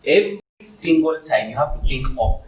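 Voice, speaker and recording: A man's voice: on the high side, animated, a little fast. A man on a church family panel, speaking earnestly and exhorting the listeners. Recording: roomy, distant mic, faint noise.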